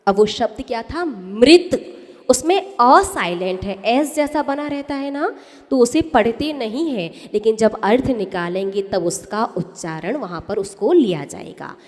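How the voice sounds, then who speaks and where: A woman's voice: fairly high pitch, lively intonation, a little slow, in a large hall. A woman teaching how to pronounce sacred verses, explaining step by step and putting questions to her listeners. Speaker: religious teacher. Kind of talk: explanatory lesson on recitation.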